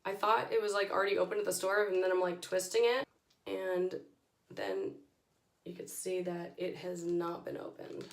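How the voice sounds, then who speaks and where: A hoarse woman with her voice nearly gone, giving a chatty, informal product review as a beauty vlogger. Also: lowish voice, lively intonation, moderate pace. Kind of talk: casual product review to camera. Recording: echoey room.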